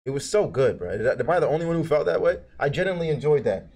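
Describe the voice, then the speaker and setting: Young male streamer with a lisp, hyper and excitable, casual live-stream chat, voice a bit high. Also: fast talker. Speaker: streamer reacting to videos.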